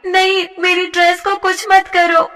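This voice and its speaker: A woman's voice: completely flat delivery, measured pace, a bit bright, long reverb tail, recorded from a distance, soft background music. Woman doing a shy, hurt young schoolgirl. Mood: pleading. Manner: high pleading childlike voice. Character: timid bullied schoolgirl, sad and shy.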